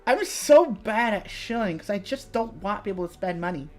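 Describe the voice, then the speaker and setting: A woman's voice: mid-range voice, lively intonation, normal speed, darkish tone. Chatty young woman streamer. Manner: chatty, swearing, reading chat aloud. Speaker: VTuber streamer. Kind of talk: casual livestream chat.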